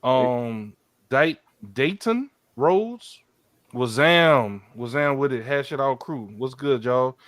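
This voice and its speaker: A man's voice: mid-range voice, animated, slow pace, a bit bright, dry recording. Laid-back man on a dry mic. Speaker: podcast co-host reading out chat. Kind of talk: casual live-stream podcast chat.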